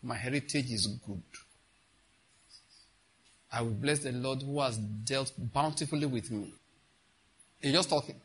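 Husky-voiced man preaching a sermon. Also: medium pitch, a little slow, long pauses. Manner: emphatic, repeats key phrases, questions the congregation. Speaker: pastor.

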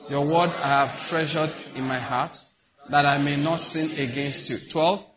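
A man's voice: on the high side, steady tone, unhurried, a crowd in the background. A middle-aged man preaching a sermon as pastor, emphatic, repeating key phrases and putting questions to the congregation.

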